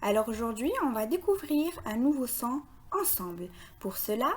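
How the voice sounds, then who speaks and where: A woman's voice: fairly high pitch, sing-song, a little mellow. A woman teaching young children to read, sounding out words syllable by syllable and praising their answers. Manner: slow, deliberate, syllable by syllable. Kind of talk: phonics lesson for young children.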